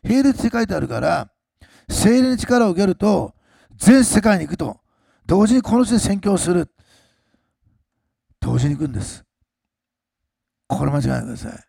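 Gravelly, animated pastor preaching a sermon. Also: male voice, moderate pace, pauses often, no echo, clean studio sound. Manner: animated, swings between loud emphasis and low asides.

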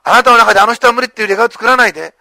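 A male pastor preaching a sermon with animated storytelling, acting out the lines of the people in the story. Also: very high-pitched, racing, gravelly, dry recording.

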